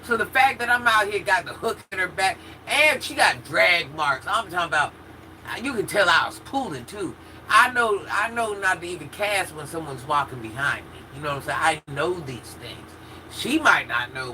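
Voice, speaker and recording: Brief: American woman, husky yet very bright and forceful, animated casual storyteller, livestream feel, distant mic. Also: moderate pace. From rural United States, country upbringing. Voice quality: naturally husky, low-register voice for a woman. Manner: animated, dramatic retelling with acted-out quotes. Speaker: livestreamer chatting with viewers. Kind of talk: casual storytelling to a live chat. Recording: distant mic with faint background noise.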